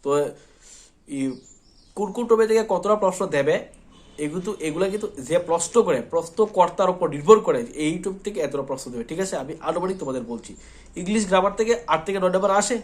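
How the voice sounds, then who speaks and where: Guy teaching exam prep, talks fast, keeps asking "okay?", kinda high voice. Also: lively intonation, darkish tone. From Tripura, India. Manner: repetitive, reassuring, checks in often with "thik ache". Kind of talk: spoken exam-prep lesson.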